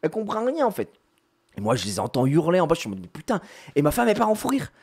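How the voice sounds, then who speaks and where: A man streamer telling a family story in a casual, animated, slangy way. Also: a little high, racing.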